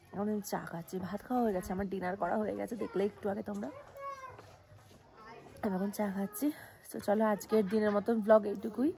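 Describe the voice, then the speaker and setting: A woman vlogging her hill trip, chatting to viewers as she shows food, rooms and views. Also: mid-range voice. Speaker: travel vlogger. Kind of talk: casual travel vlog narration. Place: outdoors in hills and indoors at homestays. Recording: phone vlog with clear ambient noise.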